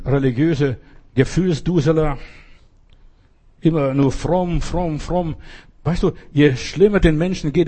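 Husky voice, man, earnest informal sermon, speaks straight to listener. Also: on the high side, warm tone. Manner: earnest, addresses listener directly. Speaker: evangelist preacher.

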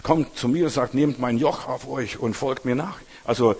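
Preaching at a normal pace, this man hammers his message through repetition and direct questions to the congregation. His husky mid-range voice is a little mellow, and the sound carries the lengthy reverb of a big hall.

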